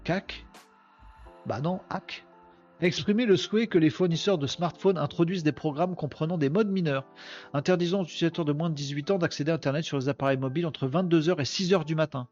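On his daily live web podcast, a man with a somewhat high, slightly mellow voice talks briskly about the news, joking, cutting himself off, and addressing the chat. The audio sounds dull, with soft music playing in the background.

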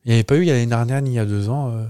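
A man's voice: medium pitch, racing, dark tone, smooth, no echo. A man with a Moselle accent co-hosts a podcast in a studio, talking straight into the microphone. His voice is dry and close, with no room sound, and it sits in an ordinary middle register. He teases his partner and wanders off into rambling asides. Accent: Moselle French. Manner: playful and teasing, rambling asides. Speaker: podcast co-host. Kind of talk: casual chat. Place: studio with a producer present.

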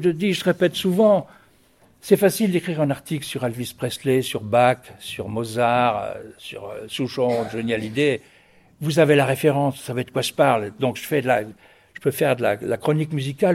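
A man over fifty, a record producer and music writer, is a guest on a radio interview, speaking passionately but often stumbling and repeating words. His mid-range voice is gravelly with a darkish tone and moves at normal speed.

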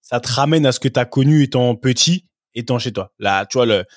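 A man's voice: mid-range voice, brisk, no echo, clean studio sound. A man who is a former professional footballer, a guest telling anecdotes in a casual podcast chat and often adding "tu vois".

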